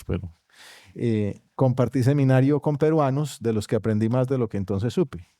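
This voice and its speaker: A Colombian conference speaker gives an academic lecture in a university auditorium, steady and measured, with occasional quieter asides. His mid-range voice sounds dark and mellow, and the recording is dry and close with no room echo.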